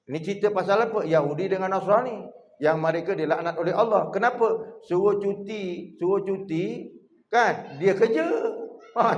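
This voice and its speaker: A man with a Malaysian Malay accent giving a jokey, animated evening lecture in a mosque, often addressing the congregation directly. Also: fairly high pitch, dull audio, a little hiss or hum. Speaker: preacher. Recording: echoey mosque hall.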